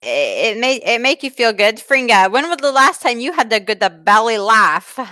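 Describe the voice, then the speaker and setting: A woman playing a foreign self-care adviser who speaks in broken, halting English with many restarts. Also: on the high side, big pitch swings, bright, forceful tone, no room sound. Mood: deadpan advice. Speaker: comic advice giver. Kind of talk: improvised comedy bit.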